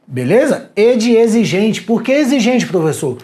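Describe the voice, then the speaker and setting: A Brazilian man gives an energetic video lecture, and his pitch swings widely from phrase to phrase. He talks straight to the viewer in an animated, slangy way, like a teacher keeping a class awake. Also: moderate pace. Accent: Brazilian Portuguese. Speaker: exam prep teacher.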